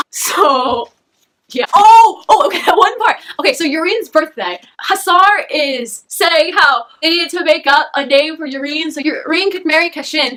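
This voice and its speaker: A young woman with a very high, bright, sharp-edged voice talks through a book review in a casual, excitable rush. She gushes, restarts her sentences and breaks into squeals, her high voice staying bright throughout. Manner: excitable, gushing, rambling.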